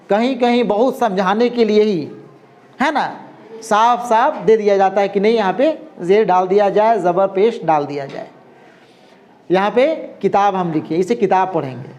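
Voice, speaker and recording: A man teaching an Urdu class, explaining slowly and often checking that his students follow. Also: high-pitched, darkish tone. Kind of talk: classroom lesson.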